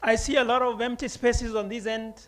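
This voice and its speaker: A man's voice: very high-pitched, flat delivery, fairly quick, fairly bright tone, a little hiss or hum. A man moderating a conference session, coaxing the audience to speak up, with many fillers.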